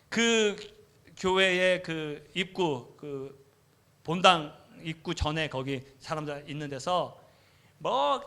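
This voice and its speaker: A man's voice: fairly high pitch, pushed and bright. Korean man preaching in a story-telling sermon. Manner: conversational, frequent affirming fillers, acts out quoted voices. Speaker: missionary preacher. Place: church sanctuary.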